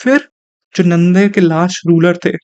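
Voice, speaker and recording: High-voiced male teacher quizzing himself. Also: little pitch movement, a little slow, a little mellow, clear, resonant tone, dry recording. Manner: explains in Hindi mixed with English terms, asks and answers his own questions. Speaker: exam prep teacher. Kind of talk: online lecture. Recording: dry, slightly dull recording.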